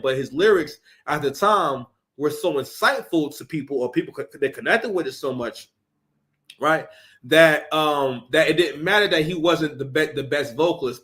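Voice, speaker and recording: A man with a notably high voice hosts a livestream, ranting through commentary. He swears freely and stumbles over repeated words as he pushes his point. The talk is loose and forceful. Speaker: livestream host and former battle rapper.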